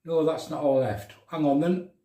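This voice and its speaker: With a County Durham accent and a soft, mellow tone, this middle-aged shaving-show host banters matily with his livestream viewers as he demonstrates. His voice is fairly high and steady, at a normal speed. A distant microphone picks up the roomy bathroom echo.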